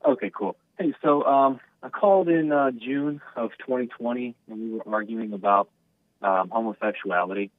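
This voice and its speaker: This is a man calling in over the phone, his voice thin and tinny as it comes down the line. He speaks haltingly, often stumbling and restarting as he gathers his thoughts. The sound is dry, with no sense of a room around him. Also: mid-range voice, no echo. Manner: halting, hesitant with many restarts. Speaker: caller. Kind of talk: call-in chat.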